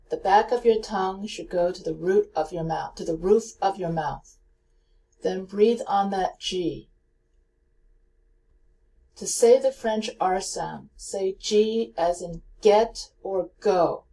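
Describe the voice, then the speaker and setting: A woman giving a pronunciation lesson as a teacher, speaking deliberately and repeating herself, demonstrating a throaty R. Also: mid-range voice, mellow. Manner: deliberate, repetitive enunciation. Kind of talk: slow instructional pronunciation lesson. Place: voice-over for screen recording. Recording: distant from the microphone.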